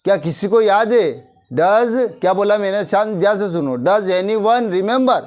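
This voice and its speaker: A man teaching a class, saying English sentences slowly and repeating them before explaining. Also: high voice, lively intonation, a little mellow. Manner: slow, repeats English phrases then explains in Hindi.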